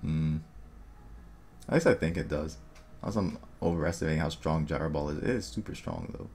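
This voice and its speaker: A young man casually commentating his own online game, thinking aloud and muttering quick asides to himself. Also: very deep voice, gravelly, a little mellow, a little hiss or hum. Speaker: gaming video creator. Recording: faint music underneath.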